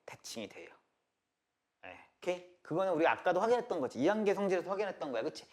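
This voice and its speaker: Male math lecturer, slightly high voice, live classroom, peppers students with quick questions. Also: sing-song. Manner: rhetorical questions, checking understanding; blunt and casual with students. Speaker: math teacher.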